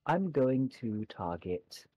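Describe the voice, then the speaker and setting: A man's voice: mid-range voice, very animated, slow, mellow, slightly rough, dry recording, dull audio, faint music behind. A man playing a tabletop game, speaking matter-of-factly about his turn. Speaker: player.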